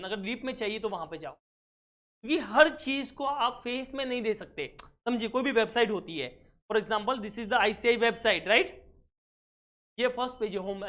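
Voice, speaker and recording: A male accounting teacher gives a recorded exam-prep lecture, constantly asking the class rhetorical check questions and mixing English terms into his explanation. His voice is high-pitched and fairly bright, at a moderate pace.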